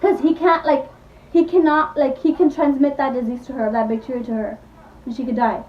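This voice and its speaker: A young-sounding woman with a high voice chats her way through a movie plot, piling on "like" and acting out quotes. She sits back from the mic in an echoey room, and the sound is a little dull. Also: fairly even intonation, a little fast, distant mic. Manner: rambling, full of "like", acts out quotes. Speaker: beauty vlogger. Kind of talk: casual retelling of a movie plot.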